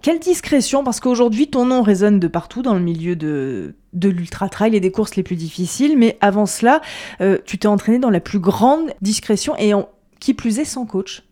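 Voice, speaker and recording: A woman hosting a TV interview, asking questions in a measured way with occasional fillers. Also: mid-range voice, expressive, mellow. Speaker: interviewer, TV host. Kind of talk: interview questions, scripted introduction.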